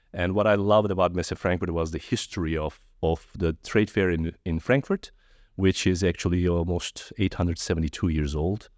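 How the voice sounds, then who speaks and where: A friendly man from Turkey in his forties speaks as a podcast guest with a very low, deep voice. The sound is dry and close to the mic, with no room around it. He talks in a relaxed, conversational way. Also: no echo. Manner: friendly, storytelling with animated quoted voices. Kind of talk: casual interview conversation.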